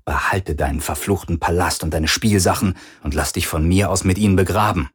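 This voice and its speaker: A man's voice: deep voice, fairly quick, husky. A man voicing a defiant, frightened young woman thinking bitter, hateful thoughts. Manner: bitter inner voice.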